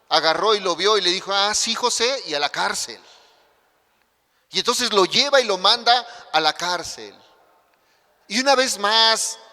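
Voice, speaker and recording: A man's voice: high-pitched, pushed and bright. A man with a Mexican Spanish accent preaching a sermon as pastor, with emphatic rises and sudden drops. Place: church hall. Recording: long church hall reverb.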